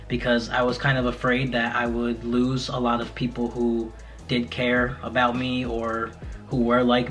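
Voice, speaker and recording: A man in his late twenties speaks to his viewers in a casual vlog, candid and reflective, often pausing on fillers. His pitch stays level and flat throughout, at an ordinary middle height. Soft music plays faintly underneath. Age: 20s. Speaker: content creator.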